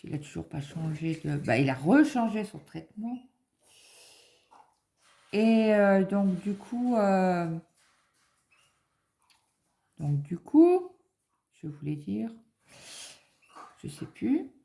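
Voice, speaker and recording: Middle-aged woman vlogger, casual rambling chat, low dark gravelly voice. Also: big pitch swings, takes it slowly, long pauses. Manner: rambling, many fillers, acts out quoted dialogue. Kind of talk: casual chat, retelling an appointment.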